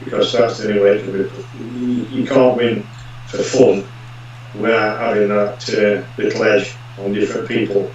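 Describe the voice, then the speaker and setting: A man's voice: on the low side, level tone, moderate pace, a little hiss or hum. Man in a big echoing hall, distant. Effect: heavy echo, like talking in a big hall. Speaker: pigeon racing expert guest. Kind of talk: explaining on a live stream Q&A. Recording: very echoey, distant, dull lo-fi audio with faint ambience.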